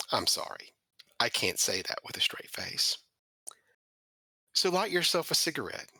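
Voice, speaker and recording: A man's voice: medium pitch, bright, forceful tone, no room sound. A man hosting a podcast who reads a mocking scripted opening and then talks casually with his co-host. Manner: sardonic, mocking delivery.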